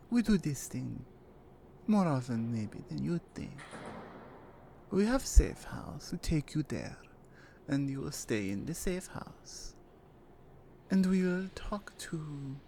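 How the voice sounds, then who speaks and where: A voice actress takes on the role of a threatening Russian mafia enforcer for an ASMR roleplay, her Russian accent giving way to playful whispers. The low-pitched voice is exaggerated, slow and teasingly menacing with soft asides, and a slight hiss or hum sits in the recording.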